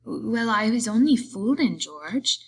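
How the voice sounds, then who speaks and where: A woman's voice: on the high side, lively intonation, slow pace, breathy edge, voice pushed up, full character voice. A woman voicing a simple-minded, childlike grown man who speaks in a plaintive, pleading rural way.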